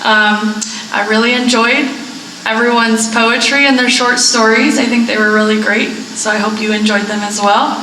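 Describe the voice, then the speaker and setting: A woman's voice: on the high side, steady tone, normal speed, bright, forceful tone, a little hiss or hum. A woman hosting a poetry reading and closing it with thanks and a few fillers, in an echoey room. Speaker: event host. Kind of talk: closing remarks. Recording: echoey room, mic far off.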